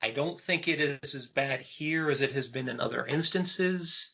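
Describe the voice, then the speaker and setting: A man in his fifties co-hosting a film podcast, talking in a measured, thoughtful way with frequent pauses. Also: mid-range voice, gravelly, pushed and bright. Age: 50s. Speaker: podcast host. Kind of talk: casual film discussion. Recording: dull lo-fi podcast audio.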